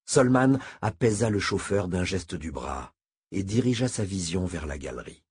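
Deep, husky male audiobook narrator. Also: darkish tone, no echo, clean studio sound. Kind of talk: scripted narration.

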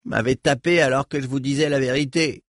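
A man's voice: on the high side, moderate pace, no echo, studio quality, pitched above the performer's own voice, natural voice. A man voicing a cheeky, greedy street boy in an audiobook, slangy and whining when cornered. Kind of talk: audiobook character voice.

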